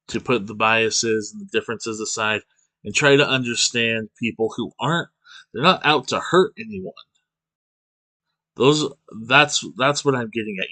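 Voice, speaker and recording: A man's voice: medium pitch, bright, forceful tone, rough recording. A man chatting casually on a morning stream, rambling and hesitant with many fillers, a bit sleepy. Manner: rambling, hesitant, lots of ums and restarts. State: sleepy, yawning. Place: indoors, at home beside boxes of cards.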